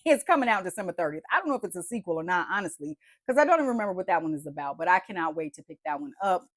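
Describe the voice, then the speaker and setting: A woman book vlogger with a lowish, stuffy, congested voice chats casually and animatedly about books she loved. She's chatty and says "y'all" and "like" a lot in this laid-back book review talk. The recording is dry and has clean studio sound.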